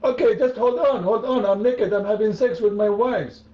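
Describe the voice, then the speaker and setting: A man's voice: sits high, normal speed, reverberant, highs cut off, pitched above the performer's own voice, lightly acted. A man voicing a flustered man who answers a knock at his door and stalls.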